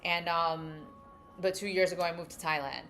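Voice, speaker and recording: Reading viewers' comments and thinking out loud, a young woman from New York City hosts a livestream and chats casually in her New York accent. She has a lowish, slightly bright voice with a steady tone and moderate pace.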